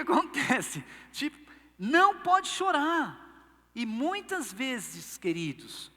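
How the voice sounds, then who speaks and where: A man's voice: high-pitched, bright, forceful tone, big-room sound. A male pastor with a Brazilian Portuguese accent preaching a sermon, telling stories playfully and acting out quotes. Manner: playful storytelling, acts out quotes. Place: church service.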